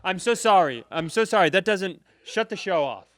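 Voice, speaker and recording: Co-hosting a live comedy podcast, this man rambles through playful, needling questions in casual comedic chat. His voice is high-pitched and animated, moving at a normal speed with a fairly bright tone.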